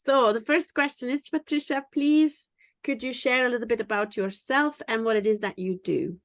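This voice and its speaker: A woman hosting an interview, reading a formal introduction and then asking questions in a measured way. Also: a little high. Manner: measured, formal read-out delivery. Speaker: interview host.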